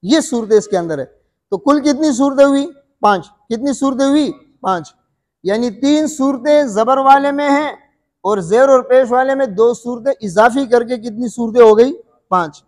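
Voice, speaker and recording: A male recitation teacher with a high voice talks through a lesson, asking a question and then answering it himself, and often checking that his students follow. The sound rings on in a long hall reverb. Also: normal speed, a little mellow. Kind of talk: classroom lesson.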